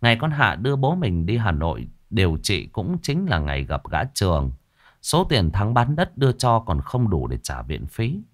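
Man narrating a dramatic story. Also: lowish voice. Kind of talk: scripted horror-story narration.

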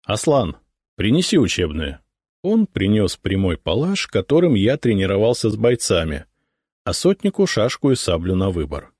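A male audiobook narrator with a low voice reads a first-person story in a measured way. His intonation rises and falls expressively. The close-miked recording is dry and free of room sound. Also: sing-song, darkish tone, husky, no echo.

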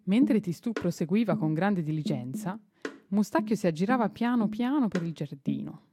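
A woman reading a children's novel aloud on radio, expressive and unhurried, with small slips and self-corrections. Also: medium pitch, soft background music. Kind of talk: storybook reading. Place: radio studio.

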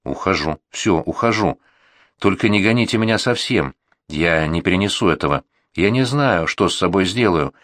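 A man's voice: low-pitched, lively intonation, normal speed, a bit bright, dry recording. A man voicing a lovesick eighteen-year-old youth who pleads earnestly and insistently, in a storybook reading. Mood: desperate.

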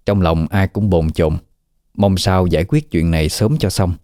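Deep-voiced man narrating a ghost story. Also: moderate pace, dry recording, clean studio sound. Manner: steady storytelling. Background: faint background music.

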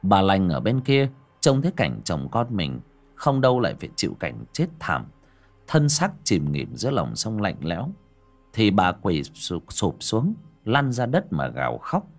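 A man narrating a dramatic audiobook story, swinging between loud and hushed delivery. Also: sits low, huge pitch swings, unhurried, faint music behind.

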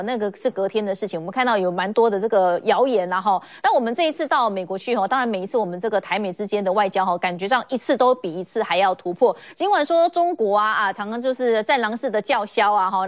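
A woman hosting a political talk show, brisk and full of sentence-final particles. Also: medium pitch.

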